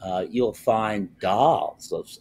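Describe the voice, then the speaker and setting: An older man talks slowly in a low, deep voice, stopping often with "uh" as he explains things. He is a guest on a TV interview, heard over a webcam from an office. There is faint room noise behind him. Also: darkish tone. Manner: slow, measured, frequent "uh" pauses. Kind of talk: live TV interview over video call. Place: indoors, wood-panelled office with bookshelves. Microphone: video call, webcam close up.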